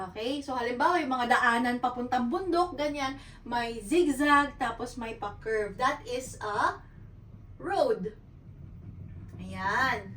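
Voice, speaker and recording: A woman's voice: high voice, fairly bright tone, roomy sound, recorded from a distance, rough recording. A woman teaching a beginner lesson in Tagalog mixed with English, patient and repetitive, often checking in with her learners. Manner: patient, repeats and checks with "okay?". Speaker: Japanese teacher.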